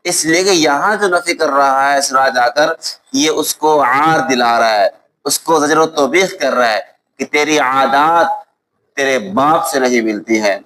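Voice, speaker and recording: A man with a Pakistani Urdu accent teaching a lesson on Islamic law. He recites Arabic texts slowly, then explains them with examples and often checks that students follow. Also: medium pitch, a bit bright, a little hiss or hum, poor audio. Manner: explains with worked examples and asks "ٹھیک ہے؟" to check understanding. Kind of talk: classroom lecture.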